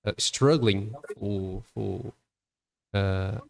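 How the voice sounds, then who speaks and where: A man's voice: lowish voice, slow, gravelly. A male interviewer asking long questions, hesitant and heavy with repeated fillers. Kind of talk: interview questions in a second language.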